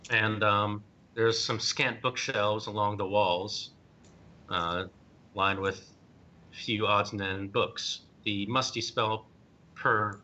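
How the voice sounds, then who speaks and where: A man narrating as game master, pausing often with ums and uhs as he describes scenes. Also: bright, forceful tone. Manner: hesitant, many ums and uhs. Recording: dull lo-fi stream audio with faint rumble.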